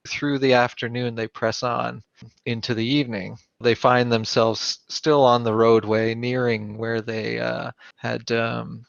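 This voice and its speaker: A man narrating a tabletop game as game master, in a relaxed storytelling way. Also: medium pitch, measured pace, vocal fry, no echo, highs cut off.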